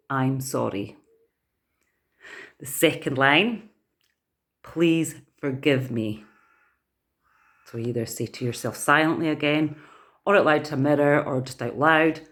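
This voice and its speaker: A woman, softly guiding listeners through a healing prayer in a relaxed, unhurried way. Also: low voice. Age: 40s. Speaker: holistic therapist and vlogger. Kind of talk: gentle guided prayer talk.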